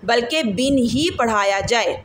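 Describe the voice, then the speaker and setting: Brief: female recitation teacher, slightly high voice, patient questioning style, faint background noise. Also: animated, a little slow, rough recording. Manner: patient, asks questions and repeats to check. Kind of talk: classroom lesson.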